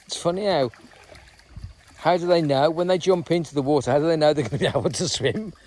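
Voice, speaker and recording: A man's voice: fairly high pitch, brisk, darkish tone, a little hiss or hum. A man chatting in a rambling, casual way on a walking vlog outdoors by a reservoir. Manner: rambling, chatty, full of "you know what I mean". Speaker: vlogger.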